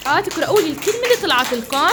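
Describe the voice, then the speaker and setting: A young woman with a Levantine accent teaching small children in a classroom, cheering them on and slowly sounding out syllables. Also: high voice, very animated, heavy background noise. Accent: Levantine Arabic. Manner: encouraging, praises often, drawn-out sounding of syllables. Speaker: kindergarten teacher. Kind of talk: classroom phonics drill.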